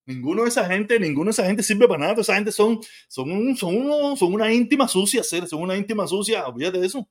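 A man's voice: sits high, lively intonation, quick pace, few pauses. A man with a Cuban accent, ranting on a live stream and reading chat comments in a heated, profane, mocking way, often repeating his phrases. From Cuba.

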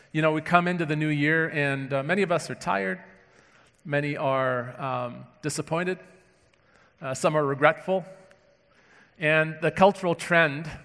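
Stuffy-nosed pastor in a reverberant church. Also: male voice, fairly high pitch, a bit bright. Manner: earnest, conversational preaching with frequent restarts. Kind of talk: sermon with opening prayer. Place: church sanctuary. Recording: long reverb of a church hall.

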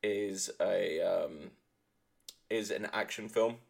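A man's voice: low voice, slow, gravelly. A man co-hosting a casual podcast chat, sweary and rambling, with laughing asides. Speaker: podcast co-host.

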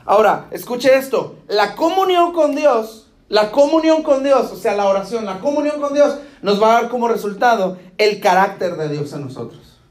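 A man's voice: very high-pitched, lively intonation, moderate pace. A man, preaching as a pastor. He keeps asking the congregation if they follow him, and he acts out little dialogues with humor. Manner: asks the congregation "¿Está conmigo?" again and again. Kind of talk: sermon. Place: church hall. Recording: echoey church hall.

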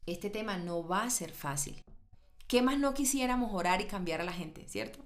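A woman's voice: medium pitch, expressive, moderate pace. A woman preaching a sermon, building emphasis through repeated phrases and asking and answering her own questions.

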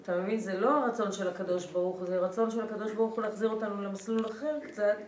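A woman's voice: mid-range voice, steady tone, a little mellow. A woman from the audience asking an earnest, thoughtful question during a lesson. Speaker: audience member. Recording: echoey room with crowd.

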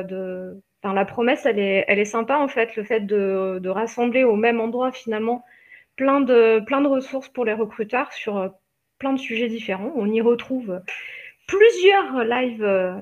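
A woman co-hosting a casual live stream, relaxed and easygoing. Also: fairly high pitch, lo-fi sound. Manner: relaxed, easygoing, many fillers.

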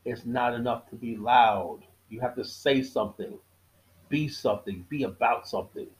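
This is a middle-aged man running his own podcast, rambling casually but with a preachy edge, restating important lines and repeatedly breaking off and beginning again. His pitch sits in the medium range, captured on a rough recording.

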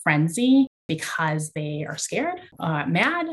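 A woman's voice: low voice, slow. A woman who founded a school, talking casually and animatedly, with frequent laughs and fillers. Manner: animated, chatty, laughs often, many fillers. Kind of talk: casual conversation.

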